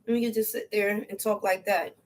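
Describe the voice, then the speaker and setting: A woman's voice: medium pitch, steady tone, brisk. A woman talking casually on a livestream at home, chewing as she eats, with a slangy, playful, opinionated manner. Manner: chewing while talking, eating. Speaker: solo livestream vlogger. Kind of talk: casual chatty livestream monologue.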